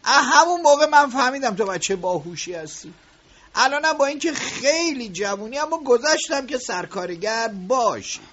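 High-pitched, bright, bossy factory owner. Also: male voice, big pitch swings, exaggerated voice. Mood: coaxing. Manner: bossy, quick-tempered, sarcastic. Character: domineering middle-aged male factory owner. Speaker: factory boss. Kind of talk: audiobook radio drama acting. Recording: dull lo-fi recording.

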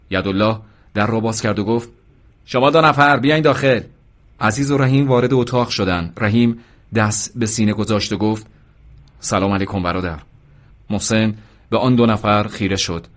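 Man narrating a story in a lowish voice.

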